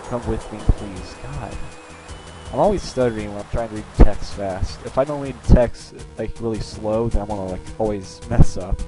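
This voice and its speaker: A man's voice: lowish voice, normal speed, poor audio. Sarcastic young man commenting on gameplay. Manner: sarcastic, swearing, filler-heavy. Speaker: let's play host. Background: game music.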